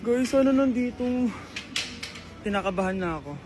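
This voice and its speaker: A woman's voice: mid-range voice, lively intonation, normal speed, music in the background. A woman vlogging anxiously and chattily to her viewers while out in city streets and the subway, filming on a handheld phone. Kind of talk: travel vlog.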